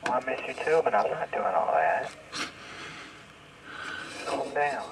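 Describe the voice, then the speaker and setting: A man talking over a speakerphone on a prison call with family, speaking in a terse, low-key way. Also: very animated, unhurried. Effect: heard over a speakerphone in a prison call. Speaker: inmate on a phone call with family. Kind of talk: casual phone conversation. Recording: distant speakerphone with faint background noise.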